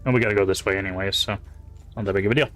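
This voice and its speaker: Low-voiced man streaming a game. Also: rapid-fire, soft background music. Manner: relaxed, chatty, mumbles asides. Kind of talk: casual live-stream commentary.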